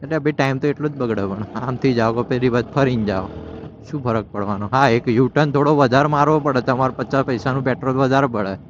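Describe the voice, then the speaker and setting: A mid-range-voiced man talks quickly while riding a motorbike through outdoor city traffic, keeping up casual commentary, chiding wrong-side drivers, and slipping into Hindi. The audio is dull and lo-fi, with traffic faintly audible.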